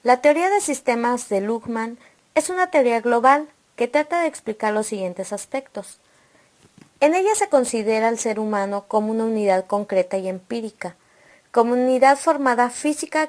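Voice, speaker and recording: A woman narrating a scripted educational lesson, reading points aloud in a steady, listing manner. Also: fairly high pitch. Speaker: presenter of an educational video.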